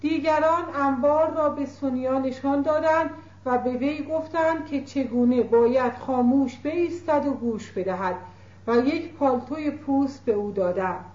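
A woman reading a classic novel aloud as an audiobook narrator, in a measured literary manner. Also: sits high, a little mellow. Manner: measured literary reading, voices characters lightly. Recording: roomy lo-fi tape recording.

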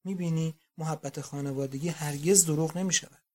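Audiobook: assured young wife, read by the narrator, soft and confiding. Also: female voice, deep voice, steady tone. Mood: tender. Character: young society wife, self-assured and affectionate. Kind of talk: audiobook reading.

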